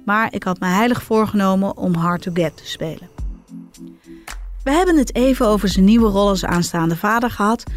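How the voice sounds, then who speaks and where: Woman narrator, confiding diary reading, soft music underneath, mid-pitched. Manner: intimate, confiding storytelling. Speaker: narrator of a serialized diary story. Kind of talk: scripted first-person narration.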